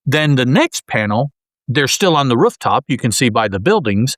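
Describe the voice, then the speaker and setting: Very animated at a moderate pace, a man with a medium, fairly bright voice co-hosts a podcast, rambling casually through descriptions of comic panels with many restarts. The sound is dry and clean, like a studio.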